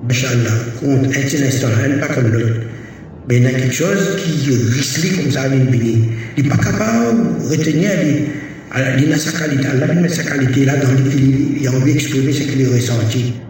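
A man with a Réunionese French accent gives a halting, repetitive sermon with Arabic devotional phrases. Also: medium pitch, darkish tone, slight background noise. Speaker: Sufi preacher. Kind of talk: sermon with anecdote. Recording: echoey hall from far off, faint ambience.

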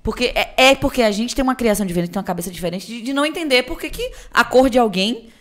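A woman with a Brazilian Portuguese accent in casual opinion chat, chatty and informal, full of quick interjections. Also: a little high, expressive.

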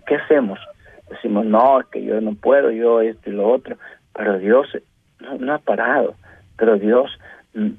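Brief: male radio preacher, fervent, husky and gravelly, heard over a narrow phone-like line. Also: mid-range voice, dry recording. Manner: fervent, addresses listeners as brother and sister, rising rhetorical questions. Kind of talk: radio sermon.

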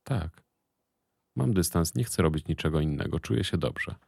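A man's voice: deep voice, expressive, normal speed, vocal fry, a little mellow, husky, no echo, studio quality, full character voice. A man voicing a sullen young man, a son who answers in short, evasive sentences.

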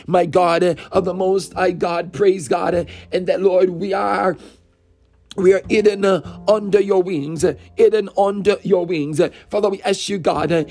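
Leading an impassioned, repetitive intercession, a man prays aloud with pleading phrases, slipping at times into half-song and tongues. He has a high, slightly mellow voice marked by vocal fry.

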